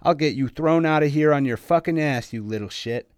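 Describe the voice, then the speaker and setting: A man's voice: low-pitched, steady tone, moderate pace, darkish tone, dry recording, studio quality, close to an everyday voice. A man voicing a menacing male bully who snarls threats, then shrieks for help.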